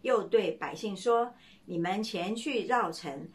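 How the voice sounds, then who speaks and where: A woman preacher giving a sermon, telling a story and repeating key lines slowly for emphasis. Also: mid-range voice.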